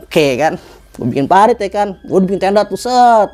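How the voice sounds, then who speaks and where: A young man, a guest telling a story in casual chat, animated, acting out dialogue and swearing casually. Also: high-pitched, moderate pace.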